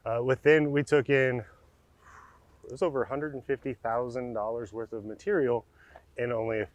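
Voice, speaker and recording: A man's voice: medium pitch, fairly even intonation, moderate pace, no room sound, dull audio. Man, matter-of-fact, hesitant at times, dry sound. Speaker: compost production facilities manager. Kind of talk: interview answers.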